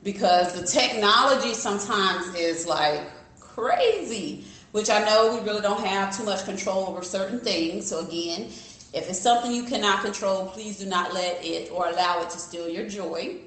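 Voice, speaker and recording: A woman's voice: mid-range voice, expressive, moderate pace, a bit bright. A woman hosting an interview over a video call who talks in an upbeat, encouraging way, and her call audio echoes. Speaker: interviewer, host. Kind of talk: casual interview.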